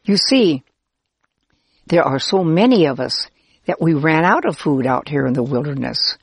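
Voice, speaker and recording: A woman's voice: low-pitched, husky, dry recording, exaggerated voice. A woman voicing a friendly, helpful Israelite man who laughs easily and explains patiently in a children's storybook.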